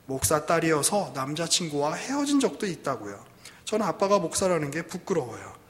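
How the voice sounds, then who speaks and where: A man's voice: on the high side, very animated, brisk. A man voicing a frustrated thirty-year-old pastor's daughter, pleading and resentful, in a reverberant hall. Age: 30s.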